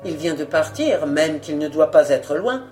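A woman voicing a humble old male former guard, speaking low and deferential. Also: animated, measured pace, darkish tone, faint music behind. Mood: meek.

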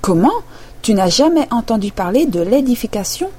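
The Griffon: bossy, scolding male beast, high and loud, woman voicing. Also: expressive, brisk. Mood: scornful. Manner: brusque, scolding.

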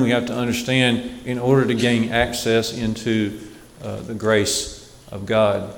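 A man preaching a sermon in a measured way, repeating key phrases for emphasis. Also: medium pitch. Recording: echoey hall with long reverb.

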